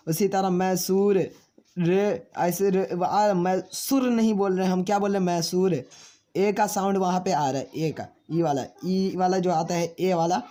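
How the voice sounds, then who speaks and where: A high-pitched, mellow-voiced man gives a spelling lesson, greeting viewers as friends. Letter by letter, he slowly spells out names, then responds to the questions he himself raises.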